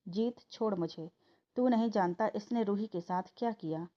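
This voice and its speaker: A man's voice: high voice, normal speed, mellow, natural voice. Woman doing an angry brother-in-law, harsh and accusing, storybook, dull audio. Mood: furious. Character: furious protective brother-in-law.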